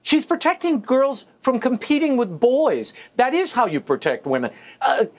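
A man's voice: very high-pitched, very animated, normal speed, a little mellow. A man giving opinionated commentary on a news show, mocking and prone to stammered restarts.

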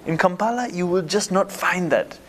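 A man from Uganda talking casually and haltingly in an old interview clip. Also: sits high.

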